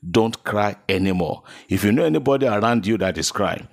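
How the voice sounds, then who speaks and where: A man's voice: fairly low pitch, lively intonation, fairly quick, gravelly. A man with a Nigerian accent preaching a sermon as a pastor, speaking in fervent, repeated declarations and promises to his listeners.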